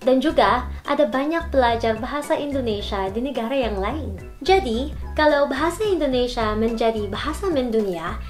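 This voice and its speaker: A woman's voice: a little high, expressive, normal speed, faint music behind. A woman from the Philippines with a Filipino accent, speaking Indonesian as a foreign learner and explaining things to camera with some English words mixed in. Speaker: language learner and YouTuber.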